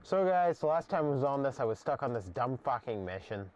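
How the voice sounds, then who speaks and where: Young male streamer, lively pitch, cursing and griping at chat. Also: brisk. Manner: frustrated, swearing, talks to chat. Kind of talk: live gameplay stream.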